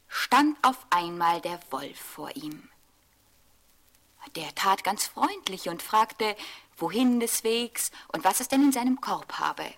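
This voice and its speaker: A woman reading a fairy tale aloud in a gentle, often whispered storytelling manner. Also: mid-range voice.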